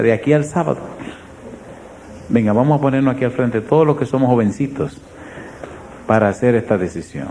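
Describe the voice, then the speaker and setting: A man preaching as a pastor, with a mellow, warm tone and a faint hiss of background noise. He tells his sermon as a story and puts direct questions to the congregation. His delivery swings from loud, pressing emphasis down to hushed, quiet lines. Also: lowish voice, creaky.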